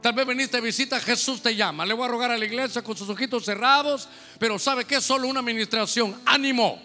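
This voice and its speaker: A man's voice: very high voice, fast talker, bright, forceful tone. A male pastor preaching a sermon, emphatic, repeating phrases and putting questions to the congregation. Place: church. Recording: echoey hall, faint music.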